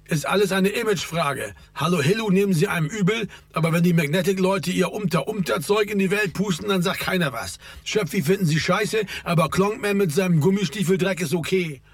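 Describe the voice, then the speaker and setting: A man's voice: sits high, brisk, few pauses, no room sound, voice pushed up. A man doing a worked-up grumbling club organizer. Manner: worked-up, complaining.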